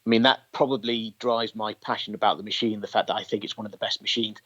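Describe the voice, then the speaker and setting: Here a tape machine collector appears as a podcast guest, chatting through a conversational interview and going into technical details at length. His lowish voice is a bit bright, moves quickly, and keeps a fairly even intonation, all captured in dull, lo-fi sound.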